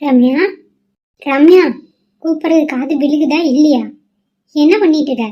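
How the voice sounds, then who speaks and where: A woman voicing a worried middle-aged mother in a cartoon, loud and demanding as she scolds her daughter. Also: high voice, steady tone, moderate pace, muffled recording, lightly acted. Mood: scolding. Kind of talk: cartoon voice acting.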